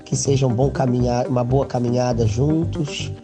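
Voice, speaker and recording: A man's voice: mid-range voice, steady tone, moderate pace. A philosophy professor introducing his series with a friendly, personal address to his listeners. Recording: voice over background music.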